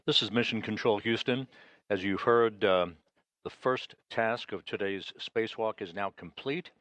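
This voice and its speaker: A man with a fairly low voice delivers live space mission commentary. He explains things in a measured, halting way, recorded close and dry. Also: fairly bright tone, dry recording, dull audio.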